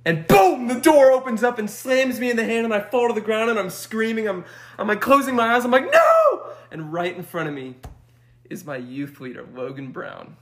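A young man telling a story in a casual chat, animated and laughing often as he acts out quotes. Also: high-pitched, fairly quick. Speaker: podcast guest.

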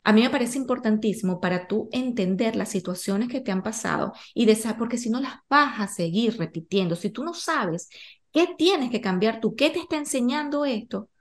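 A woman's voice: fairly high pitch, lively intonation, normal speed. A woman guest on a podcast, explaining spiritual ideas in an earnest, direct way and addressing the listener. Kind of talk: casual spiritual conversation.

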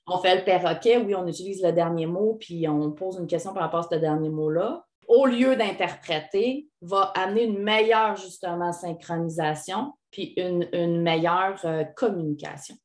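A woman with a Québécois French accent co-hosting an advice podcast in a casual chat, animated and acting out quoted replies. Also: fairly low pitch, moderate pace, hardly any pauses. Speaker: podcast co-host. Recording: echoey room.

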